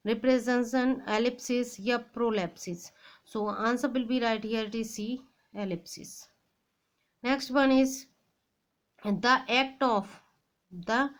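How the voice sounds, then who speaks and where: Indian woman, exam teacher, very slow measured delivery, slightly high voice, reads questions then gives answers. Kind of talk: quiz-style exam lesson.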